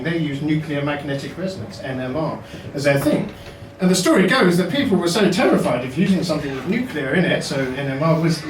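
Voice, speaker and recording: A man's voice: a little high, far from the mic, a little hiss or hum. A man performing a wry, self-deprecating stand-up comedy set in a basement comedy venue. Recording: roomy echo, mic heard from afar.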